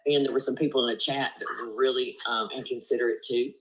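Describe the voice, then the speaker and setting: On a group video call with a laptop or phone mic, a woman with a Southern US accent talks earnestly as a live-stream panelist. Her very deep voice holds steady and moves fast, rambling with lots of fillers and "you know." The recording quality is low.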